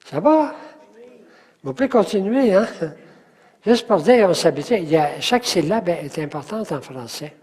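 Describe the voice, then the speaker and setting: Man, poetry teacher, patient explainer, slightly high voice, long reverb. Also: expressive, normal speed, long pauses, a little mellow, husky. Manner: explains patiently, counts syllables aloud and asks the class questions. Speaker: teacher leading a poetry class. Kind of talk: classroom explanation.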